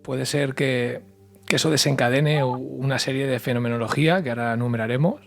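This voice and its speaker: A man's voice: mid-range voice, steady tone, vocal fry, faint music behind. A man with a Spanish accent, hosting a radio interview and asking friendly questions. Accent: Spanish from Spain. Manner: brisk, friendly questioning with restarts. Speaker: radio show host.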